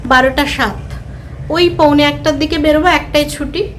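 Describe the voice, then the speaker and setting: A woman's voice: sits high, steady tone, normal speed, slight background noise, rough recording. A woman in her thirties with a Bengali accent, chatting casually to viewers while doing chores at home. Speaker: vlogger, mother. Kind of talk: casual home vlog narration. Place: home, kitchen and rooms.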